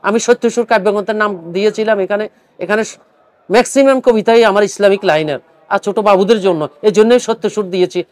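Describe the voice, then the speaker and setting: Older male poet, high voice, dry close sound, earnest and pleading, drops in English words. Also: no echo. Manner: mixes English words into speech. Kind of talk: speaking to camera at a book fair; poetry recitation.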